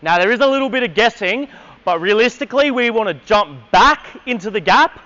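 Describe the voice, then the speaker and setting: A man's voice: sits high, lively intonation, a little fast, sharp tone, lo-fi sound. A man coaching a basketball clinic on an indoor court, energetically calling out drills and counting down for players.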